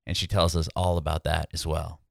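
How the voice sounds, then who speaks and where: A man's voice: very deep voice, flat delivery, brisk, gravelly, dry recording, clean studio sound. A man hosting a music podcast, chatting casually and upbeat over a video call, with short friendly affirmations. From San Diego, Southern California. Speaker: podcast host. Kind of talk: casual interview chat.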